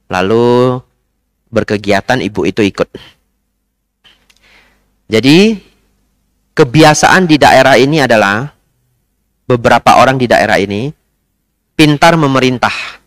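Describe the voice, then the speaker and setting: A male Buddhist monk delivering a dharma sermon with a mid-pitched voice. His intonation is lively, and he keeps checking in with the audience through rhetorical questions. The recording is close and dry. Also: dry recording.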